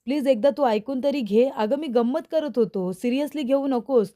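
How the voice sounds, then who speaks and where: A woman's voice: sits high, moderate pace, warm tone, no room sound, studio quality, lightly acted. A woman voicing a young man who pleads that it was only a prank, in a serial recap. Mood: pleading. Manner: pleading, excuse-making. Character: young man nervously explaining away a prank.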